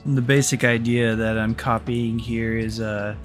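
A man's voice: medium pitch, little pitch movement, measured pace, faint music behind. A young man giving casual, jokey commentary over his factory-building gameplay, swearing freely. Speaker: gaming YouTuber.

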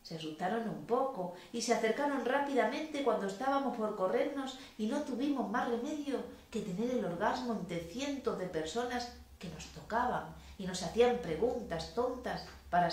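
A woman giving a public reading of poetic prose in a measured, expressive way. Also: mid-range voice. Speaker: reader. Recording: very echoey room.

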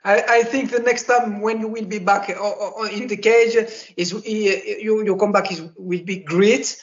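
A man asks interview questions in a stumbling, hesitant way. His voice is high for a man. The recording sounds dull and muffled. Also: fairly even intonation, normal speed.

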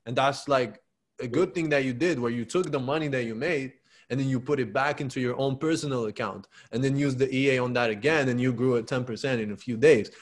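A young man hosts a video call from his apartment. He talks in a loose, upbeat way and drops "man" and "bro" into almost every line. His voice sits at an ordinary middle pitch. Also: a little fast. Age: 20s. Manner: upbeat and encouraging, heavy use of "man" and "bro". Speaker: interview host. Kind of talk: casual video call interview. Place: apartment living room indoors. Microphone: video call setup.

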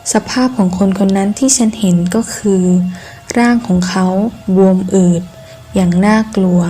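A woman reading a scripted first-person ghost story in measured, deliberate phrases with pauses. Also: mid-range voice, dark tone, slight background noise. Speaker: horror story narrator.

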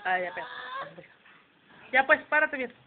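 A woman's voice: high voice, lively intonation, normal speed. A woman filming her pet on a phone, talking to it in doting, sing-song baby talk and teasing it. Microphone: phone camera. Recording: tinny phone recording with faint noise.

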